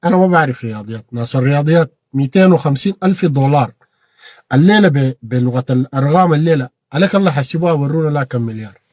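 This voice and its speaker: A man with a Sudanese Arabic accent giving an impassioned political monologue, repeating phrases and bursting into shouted peaks. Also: on the high side, lively intonation, rapid-fire, no echo. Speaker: political commentator.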